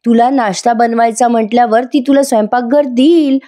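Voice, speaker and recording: An exasperated young husband, coaxing and pleading with his wife, as a woman acts him out. The voice sits somewhat high and sounds soft and mellow. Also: steady tone, normal speed, lightly acted.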